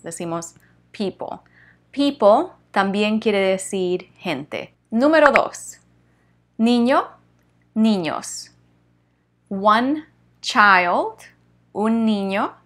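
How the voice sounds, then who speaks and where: A woman teaching English pronunciation, drawing out each model word slowly and clearly for repetition. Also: medium pitch, a bit bright. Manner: deliberate, drawn-out model words for repetition.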